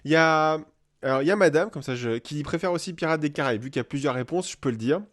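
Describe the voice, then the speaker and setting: Brief: French male host of a live chat, playful, chatty, a touch higher voice. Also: quick pace. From France. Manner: lively, playful, laughs often. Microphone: live video call.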